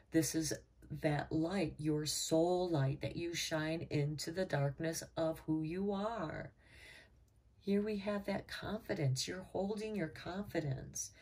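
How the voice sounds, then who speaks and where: A woman with a low, deep voice gives a tarot reading, taking her time over every card. She talks in a calm, measured, reassuring way, and she sits a little back from the microphone. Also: distant mic. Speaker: tarot reader.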